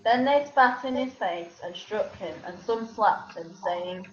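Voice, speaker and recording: A woman's voice: medium pitch, unhurried. Woman narrating scripture in an echoey room. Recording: echoey room, dull sound, slight noise.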